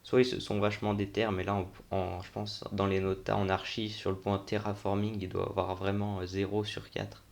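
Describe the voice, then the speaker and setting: A young man with a very flat, monotone delivery and plenty of vocal fry. He talks through a game tour off the cuff, in slangy everyday speech, thinking aloud as he goes. His voice sits on the low side. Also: moderate pace, hardly any pauses. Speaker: gaming video host. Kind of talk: casual unscripted game tour commentary.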